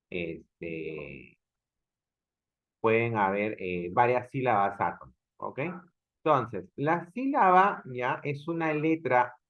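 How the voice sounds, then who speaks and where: A man's voice: medium pitch, dull audio. A man from Peru teaching an online grammar class, explaining step by step and often checking with the students.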